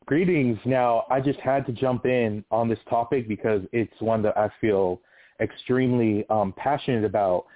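A man's voice: medium pitch, steady tone, moderate pace. A man from California calling in by phone to a radio show, earnestly explaining and retelling a story. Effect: over the phone. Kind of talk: call-in radio discussion. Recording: tinny phone line.

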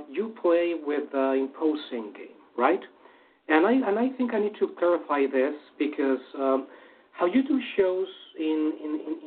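Man in an interview on a tinny line. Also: fairly high pitch. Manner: hesitant, many fillers and restarts. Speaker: former stage hypnotist, now hypnotherapist. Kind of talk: interview answers.

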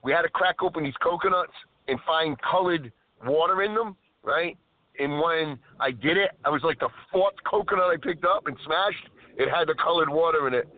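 A man's voice: on the high side, moderate pace. Man rambling over car speakerphone. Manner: rambling storyteller who keeps interrupting himself. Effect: car speakerphone call while driving. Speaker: caller on a live show. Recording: tinny dry phone line.

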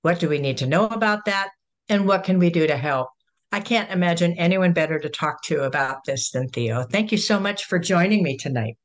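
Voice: mid-range voice, expressive, fairly quick. Encouraging podcast host. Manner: encouraging, fills in with frequent soft affirmations. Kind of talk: podcast interview.

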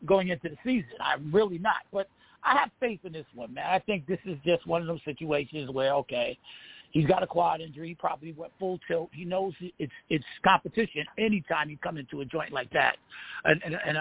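Hoarse man with voice giving out, on sports talk. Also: on the high side. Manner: informal, addresses co-host as man and bro. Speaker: sports show host. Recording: tinny, phone-like line with room echo.

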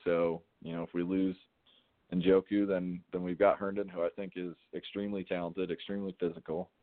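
A man's voice: deep voice, level tone, a little fast, no echo. A man calling in to a radio show over the phone, chatting casually and agreeably about sports. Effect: heard over a phone line. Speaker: radio call-in caller. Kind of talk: casual sports fan chat. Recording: tinny dry phone line.

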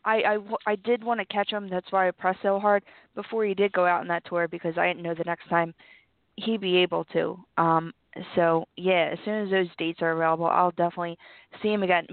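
A woman with an American accent and a deep, hoarse voice that is giving out, chatting casually as a show co-host. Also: fairly even intonation, brisk, dry recording, phone-quality sound. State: hoarse, voice going, congested from bronchitis. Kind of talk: casual chat.

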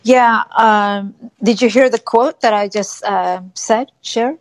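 A woman's voice: mid-range voice, slow pace. A woman hosting a casual chat over an app, her voice breaking up as the call drops out. She rambles and often repeats her words. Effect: call breaking up and dropping out. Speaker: show host. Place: at home.

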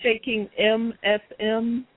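A woman's voice: on the high side, flat delivery, takes it slowly, dry recording. A woman calling in to a radio show over a phone line, asking brief, polite questions. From United States. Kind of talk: call-in question.

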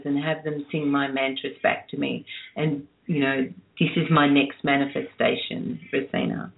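A woman guest telling a heartfelt story in a soft-spoken, earnest way, dwelling on her words. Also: sits low, gravelly. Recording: tinny phone-line sound.

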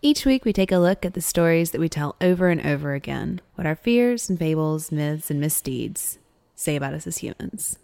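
A female podcast co-host with a low-set voice that swings widely in pitch. She is getting over a cold and jokes around in a bubbly manner. The recording is dry and close. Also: lively intonation, normal speed, gravelly, dark tone, no echo. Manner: bubbly, jokey. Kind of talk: casual chat.

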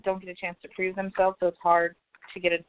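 A woman's voice: on the low side, completely flat delivery, fast, clean tone. A woman co-hosting a casual fight-sports talk show, blunt and opinionated, swearing now and then. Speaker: podcast co-host. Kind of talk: casual chat. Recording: tinny phone-like audio.

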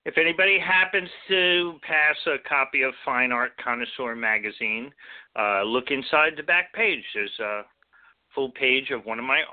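A man calling in on speakerphone, his voice thin and tinny. He speaks at an ordinary, middling pitch with halting restarts, as in a casual call-in chat. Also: lively intonation. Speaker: caller.

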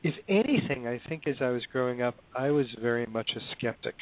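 A man's voice: mid-range voice, lively intonation, quick pace. Man on a crackly, static-filled phone line. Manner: hesitant, with many fillers and restarts. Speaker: guest. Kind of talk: phone-in radio interview.

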